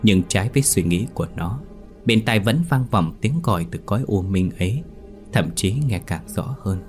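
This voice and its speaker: A man narrating a scripted horror story in a measured, atmospheric way. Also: fairly low pitch, lively intonation. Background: faint music.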